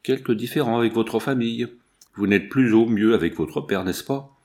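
A man reading the lines of a secretive, anxious woman, the wife of a bandit chief, in a low hushed voice. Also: moderate pace, lightly acted.

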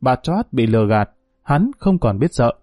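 Male audiobook narrator, steady and measured, warm dark tone, dry close read. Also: medium pitch, no echo.

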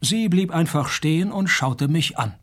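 A world-weary noir private eye in a radio crime drama. His voice is rough and fairly high for a man. He delivers wisecracks and first-person narration in a dry deadpan. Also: moderate pace.

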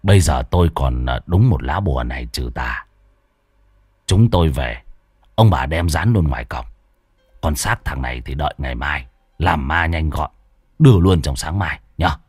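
A man's voice: rumbling low, lively intonation, normal speed, darkish tone, slightly rough, dry recording, studio quality, pitched below the performer's own voice, full character voice. A man voicing a coarse, grumbling old male exorcist, swearing bluntly. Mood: grave. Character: gruff, crude, hungry old male exorcist.

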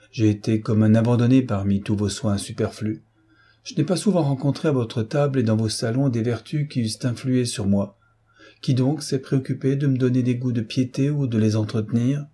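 A bitter, reproachful young man, as a male narrator reads him, impassioned and accusing. The tone is mellow and husky rather than bright. A novel read aloud as drama. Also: mid-range voice, moderate pace, lightly acted. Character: embittered young man accusing his parents.

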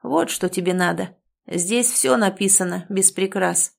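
A woman voicing a very old male wolf-shifter bookseller who talks slowly, dryly and gruffly. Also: mid-range voice. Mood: wry.

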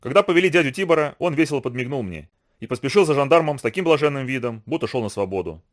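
Guy reading an audiobook, expressive storyteller, voice rises and falls a lot. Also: medium pitch, quick pace. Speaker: narrator. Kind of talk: scripted audiobook narration.

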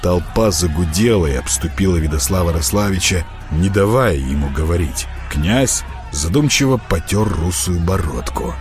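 A man narrating an audiobook in an expressive storytelling manner. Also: low-pitched, normal speed. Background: faint music.

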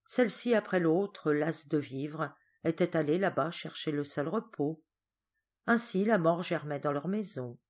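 A woman reading a short story aloud as an audiobook narrator, in a measured and expressive way. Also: deep voice. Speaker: audiobook reader. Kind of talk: scripted narration.

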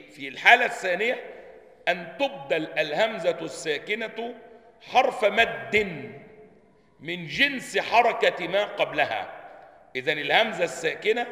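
Man, Egyptian Arabic accent, sheikh's lesson, high voice, keeps asking listeners questions, long echoing hall. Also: sharp tone. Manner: quizzes listeners with repeated questions, drills pronunciation aloud. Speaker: sheikh teaching Quran sciences. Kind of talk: religious lesson explaining a text. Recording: long hall reverb, roomy.

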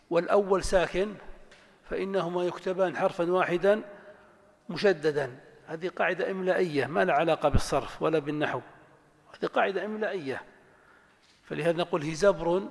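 Lecturing man in a reverberant hall. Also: high voice. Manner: slow, drawn-out spelling of word patterns, asks and answers his own questions. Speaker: teacher. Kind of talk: classroom lecture explaining grammar.

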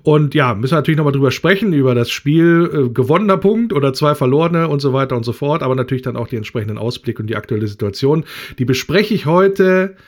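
A man's voice: medium pitch, lively intonation, fast. A man hosting a football podcast in a conversational, moderating style. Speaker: podcast host.

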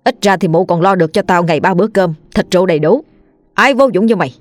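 A woman's voice: fairly low pitch, quick pace, no echo, studio quality, soft background music, close to an everyday voice. A woman voicing a violent young husband who hurls contemptuous abuse at his wife, in a narrated ghost story. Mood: raging.

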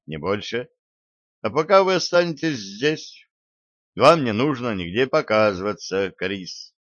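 A man voicing Archer, a bitter male schemer who talks calmly and smiles as he lays out his plan. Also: mid-range voice, no room sound, highs cut off.

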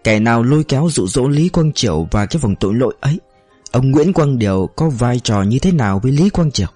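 A man doing a quiet, probing police chief. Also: mid-range voice, expressive, a little fast, no echo, faint music behind, natural voice. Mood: stern.

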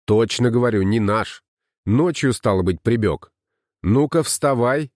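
A man's voice: medium pitch, lively intonation, unhurried, darkish tone, no room sound, clean studio sound, close to an everyday voice. A man reading an audiobook, voicing a burly, bullying village headman who blusters and threatens. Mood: angry.

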